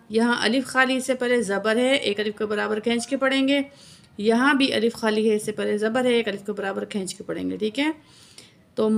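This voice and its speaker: A woman teaching a tajweed lesson, spelling out letters and vowel marks patiently and drawing out recited verses very slowly. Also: a little high, gravelly, fairly bright tone. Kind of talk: slow word-by-word recitation lesson.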